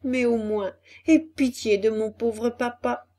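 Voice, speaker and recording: A woman voicing a cheeky, excitable puppet boy in a storybook reading, with a high, loud, exclamatory delivery. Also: slow. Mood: eager.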